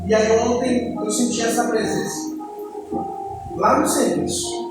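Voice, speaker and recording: In an echoey church hall, recorded from afar with music in the background, a Brazilian deacon in his late twenties from Ceará gives his testimony. His very high voice barely shifts in pitch and moves a little slowly as he addresses the congregation in a relaxed storytelling style.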